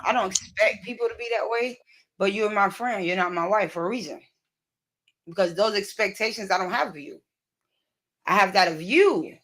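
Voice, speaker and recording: Playful higher-voiced woman in her thirties. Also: sharp tone, rough recording. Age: 30s. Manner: playful, blunt, laughs mid-sentence. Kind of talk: casual chat.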